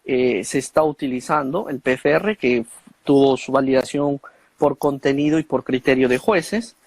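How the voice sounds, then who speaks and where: A man's voice: mid-range voice, moderate pace, darkish tone, no echo. A man speaking as an expert guest, explaining in a didactic way with many fillers and tag questions. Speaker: guest expert on speech disorders. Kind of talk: explanatory conversation.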